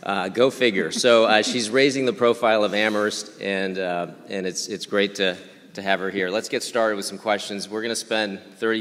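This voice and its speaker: A man's voice: deep voice, fairly bright tone. A man in his fifties moderating a panel, talking with hesitant restarts. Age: 50s. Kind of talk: panel introduction. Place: reunion event hall. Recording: echoey hall.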